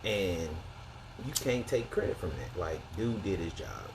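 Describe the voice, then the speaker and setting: An American man with a low-pitched voice gives a casual, opinionated rant. His talk is slangy and conversational, with emphatic points. Noticeable steady noise sits behind him. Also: unhurried.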